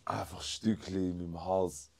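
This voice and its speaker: A man telling an animated, slangy party story in a casual chat. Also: low-pitched, unhurried, vocal fry. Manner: animated, acts out quotes with slangy asides.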